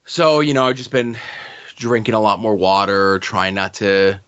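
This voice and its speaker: Lowish bright-voiced man chatting casually. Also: fairly even intonation, normal speed, highs cut off. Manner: easygoing, chimes in with short replies. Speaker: podcast co-host. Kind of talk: casual chat.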